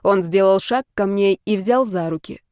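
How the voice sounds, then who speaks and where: A woman reading a first-person audiobook in a steady, even storytelling manner. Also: mid-range voice, normal speed, clean tone, no room sound, studio quality. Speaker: audiobook narrator.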